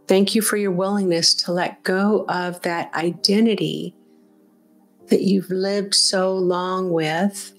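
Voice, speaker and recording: Speaking at medium pitch, a woman leads a guided meditation as its teacher, improvising in a warm, conversational way that is gentle and encouraging.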